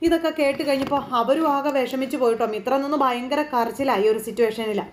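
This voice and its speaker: Woman recapper, high voice, rapid chatty delivery, casual storytelling of a serial episode. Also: roomy sound, a little hiss or hum. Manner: chatty, quick storytelling with filler tags.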